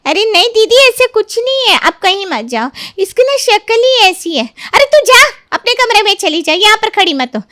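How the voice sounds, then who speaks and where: A woman's voice: a little high, moderate pace, no room sound, studio quality, lightly acted. A woman voicing a caring middle-aged mother in a cartoon story, coaxing and soothing in tone. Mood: flustered. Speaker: Madhu, Sonia's mother.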